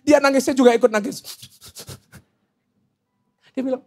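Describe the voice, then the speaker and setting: A man's voice: very high voice, normal speed. A middle-aged man with an Indonesian accent preaching a sermon as pastor, asking the congregation questions and joking between points. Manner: lively, asks the congregation questions and jokes. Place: church hall.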